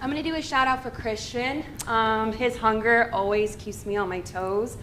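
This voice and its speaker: A woman giving an earnest, admiring shout-out to coworkers at a meeting. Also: a little high, steady tone, moderate pace, very noisy. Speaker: real estate agent.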